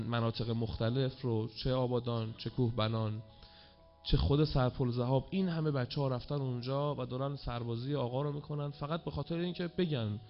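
A man leads a ceremony from the front, speaking with feeling and calling on the crowd to respond. His voice sits at a middle pitch. The recording is muffled and lo-fi. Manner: emotive, exhorting, calls for chants. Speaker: event host. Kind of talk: ceremony hosting speech to a crowd.

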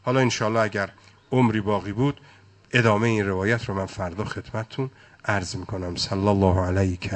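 In a steady tone and a fairly low register, a man recites a mourning sermon in a chanting rhythm. Fervent emotion drives his voice up and down.

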